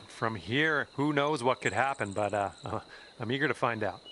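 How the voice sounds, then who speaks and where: A man's voice: medium pitch, normal speed, bright, forceful tone, a little hiss or hum. A man playing an upbeat, easygoing golf commentator in a video game, calling shots conversationally with exclamations. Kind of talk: sports commentary.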